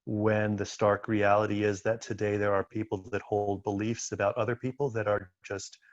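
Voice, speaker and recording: A man sharing his thoughts in a group discussion, hesitant and halting, with many restarts. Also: fairly low pitch, flat delivery, no room sound. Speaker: conference participant. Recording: dull lo-fi online call audio.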